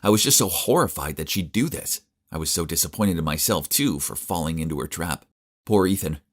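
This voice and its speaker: A man's voice: sits low, animated, fairly quick. A young man narrating a dramatic first-person story in a confiding tone.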